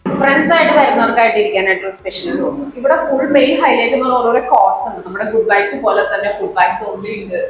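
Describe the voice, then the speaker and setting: Fast-talking Malayali woman mixing in English. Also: a little high. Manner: mixes English words and phrases into Malayalam. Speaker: food vlogger. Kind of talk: casual food vlog chat. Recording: roomy echo, faint music behind.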